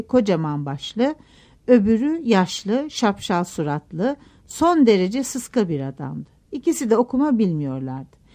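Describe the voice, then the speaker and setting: A woman narrating a novel aloud in a measured, expressive audiobook reading. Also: fairly high pitch.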